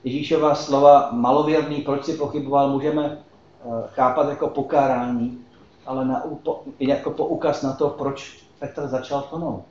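A man's voice: mid-range voice, fairly even intonation, a little mellow. A man preaching a sermon in a conversational way, asking the congregation questions. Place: church hall. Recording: echoey hall, slightly dull sound.

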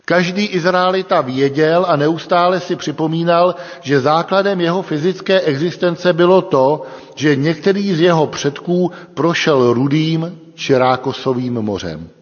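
A man preaching a sermon in a church, with a measured, deliberate delivery and emphatic pauses. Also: fairly high pitch. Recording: long reverb, dull lo-fi sound.

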